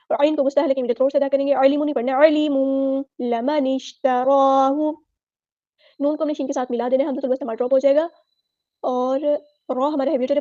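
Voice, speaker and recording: A woman's voice: sits high, dark tone, dry recording, lo-fi sound. A woman teaching Quran recitation rules in a patient, instructive lesson, repeating each word the right way and the wrong way. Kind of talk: tajweed lesson, word-by-word explanation.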